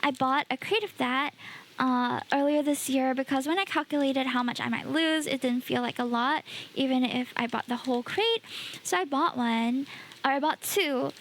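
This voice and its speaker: High-pitched, bubbly woman streamer. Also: normal speed, slight background noise. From Singapore. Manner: bubbly, chatty, excitable. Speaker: livestreamer. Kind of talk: casual livestream chat while opening card packs.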